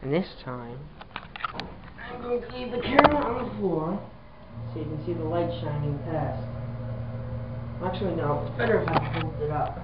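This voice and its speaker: A slightly high-voiced man, expressive and at normal speed with long pauses, comments dryly and with exasperation while filming his elevator ride. The handheld camera mic yields dull, lo-fi audio with a faint hum in the small car.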